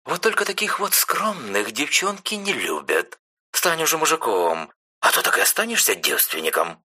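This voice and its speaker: Guy putting on a high excitable little-sister voice, teasing and chatty, husky edge, bouncy. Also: normal speed, full character voice. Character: bubbly pushy teasing younger sister, young woman.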